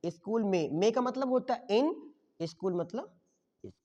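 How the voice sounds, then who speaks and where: A man's voice: high voice, expressive, normal speed, mellow. A male teacher explaining grammar to his class, asking questions and answering them himself, often checking in with "okay?". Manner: checks in with "okay?" after each step. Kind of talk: grammar lesson. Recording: dull muffled sound with long reverb.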